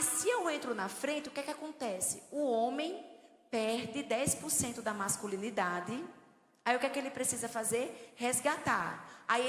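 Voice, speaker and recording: Middle-aged woman preacher, lively and humorous, fairly high voice, long church-hall reverb. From Northeast Brazil. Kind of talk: sermon.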